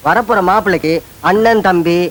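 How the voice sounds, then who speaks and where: A man's voice: sits high, brisk, a bit bright. An actor playing a rich old father, once a wrestler, who laments comically in a Tamil film. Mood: lamenting. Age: older. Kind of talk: Tamil film comedy acting.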